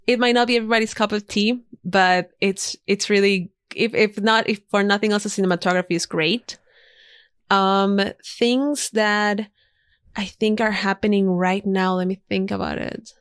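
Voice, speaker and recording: A woman whose first language is Spanish speaks at a medium pitch and normal speed, with fairly even intonation and a smooth voice. As a podcast guest in a studio with clean, echo-free sound, she chats casually and eagerly recommends things, repeating them for emphasis.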